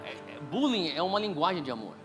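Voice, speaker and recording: A man's voice: high-pitched, very animated, fast, loud music behind the voice. A man preaching a sermon, telling a family story and acting out the dialogue with big voice swings. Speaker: pastor.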